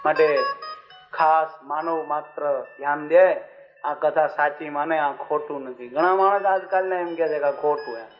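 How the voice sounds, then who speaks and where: A high-pitched man delivers a devotional story sermon, speaking animatedly and questioning his listeners. The recording sounds slightly dull, with faint music underneath. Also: steady tone, normal speed. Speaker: preacher.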